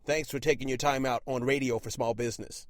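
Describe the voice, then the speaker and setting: A man's voice: mid-range voice, steady tone, a little fast. A man hosting a radio interview, introducing and questioning his guest with enthusiasm. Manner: enthusiastic, admiring. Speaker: radio show host.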